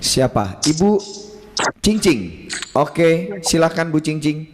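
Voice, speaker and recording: A man's voice: a little high, sing-song, slow, background noise. A man moderating a church Q&A over a video call, upbeat and coaxing, with many fillers. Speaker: worship service moderator. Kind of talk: hosting an online Q&A.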